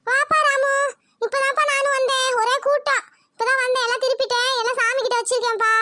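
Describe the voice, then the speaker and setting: A woman's voice: very high-pitched, level tone, fast, bright, forceful tone, dry recording, clean studio sound. A woman voicing an anxious, devout middle-aged mother in a cartoon who scolds and wails. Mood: fretful. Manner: scolding, wailing and fretful. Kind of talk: cartoon voice acting.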